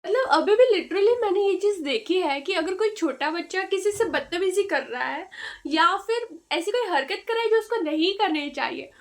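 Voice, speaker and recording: A young woman telling casual storytime stories in a chatty vlog, feeling weak and feverish. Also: very high voice. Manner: chatty, exclaiming, frequent fillers and repeats. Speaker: vlogger.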